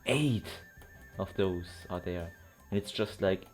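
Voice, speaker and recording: A game streamer gives casual commentary while playing, muttering asides and thinking aloud in a low, slow, slightly mellow voice. Game music plays behind him, along with the video game's soundtrack and dialogue.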